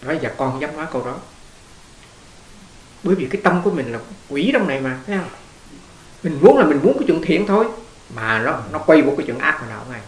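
A man's voice: a little high, sing-song, quick pace. A man, a Buddhist monk giving a conversational dharma talk, telling stories and putting questions to his listeners. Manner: conversational, storytelling, asks the audience questions. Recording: echoey room with faint hiss.

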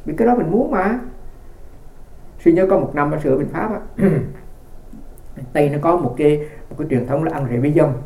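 A man's voice: fairly high pitch, expressive, fairly quick, long pauses, darkish tone, echoey room. A man who is a Buddhist monk gives a conversational dharma talk. He tells stories in a rambling way and often restarts his phrases. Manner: rambling storytelling with frequent restarts.

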